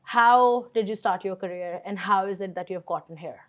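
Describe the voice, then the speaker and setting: A woman's voice: mid-range voice, a little fast. A woman with a Pakistani accent speaking as the host of an interview. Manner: switches between English and Urdu. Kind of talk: interview, scripted introduction then conversation.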